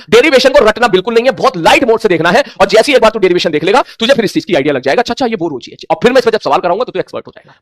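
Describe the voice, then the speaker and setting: A very high-pitched man with a fairly bright tone delivers a classroom physics lecture in Hindi laced with English terms, acting out the questions his students raise. The clean studio recording carries no room sound.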